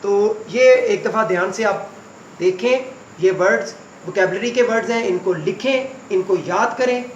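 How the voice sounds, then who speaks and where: A man teaches spoken English in a very high voice. He repeats each word over and over so students can copy it. The room echoes, and a faint hiss sits under the recording. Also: moderate pace, dull audio. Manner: repeats words over and over for practice.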